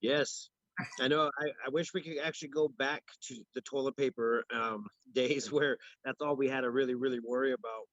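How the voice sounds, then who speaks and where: A man's voice: mid-range voice, steady tone, brisk, a bit bright, no echo, dull audio. A man co-hosting a local news livestream, chatting casually off the cuff with many restarts and fillers. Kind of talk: casual ad-libbed chat.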